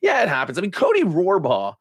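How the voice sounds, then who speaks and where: A man hosting a racing podcast, chatting casually and excitedly with lots of fillers and restarts. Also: sits high, fast talker, breathy edge, no echo, clean studio sound. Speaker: podcast host. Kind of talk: casual chat.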